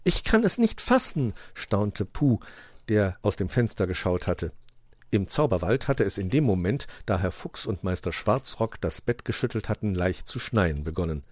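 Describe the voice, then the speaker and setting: A man's voice: sits low, moderate pace, dry recording. A man reading a rhyming children's animal story aloud and giving each creature its own voice. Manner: lively storyteller voicing many animals. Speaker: narrator.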